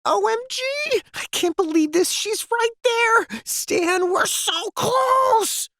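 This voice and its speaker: A nervous young pen from a cartoon, stammering and doubting himself. His bright voice leaps up and down in pitch, heard close and dry. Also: animated, takes it slowly, creaky, dry recording, exaggerated voice. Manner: stammering, anxious. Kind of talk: animated cartoon voice acting.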